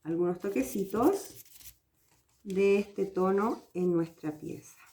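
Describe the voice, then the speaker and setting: A woman's voice: medium pitch, slow, dark tone. A woman from Chile, patiently walking viewers through a craft project step by step and checking they follow. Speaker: craft teacher. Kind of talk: hands-on craft tutorial.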